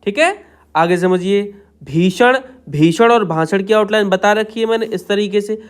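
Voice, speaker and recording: A man teaching shorthand, dictating words slowly and repeating set phrases as he writes each one out. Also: sits high, smooth. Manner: slow, drawn-out dictation of words. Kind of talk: step-by-step tutorial.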